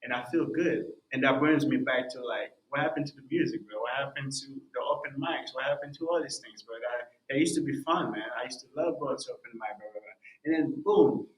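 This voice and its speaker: A man's voice: medium pitch, fairly quick. A young man, a music artist and podcast guest, talking casually and telling his story with lots of "bro" and "man". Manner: animated storytelling, says "bro" often. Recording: roomy echo.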